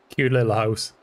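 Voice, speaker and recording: A man's voice: mid-range voice, creaky. Chatty Czech-accented man streaming a game. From Czech Republic. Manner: chatty and playful, often laughing. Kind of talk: live-streamed gameplay commentary.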